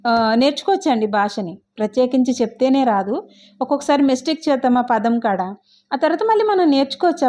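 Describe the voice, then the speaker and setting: A young woman with a high voice talks through a casual vlog lesson. Her first language is Telugu, and she explains each word in a chatty way, often with small stories. She keeps stopping to check that her listeners are following. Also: darkish tone. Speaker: vlogger teaching Arabic words.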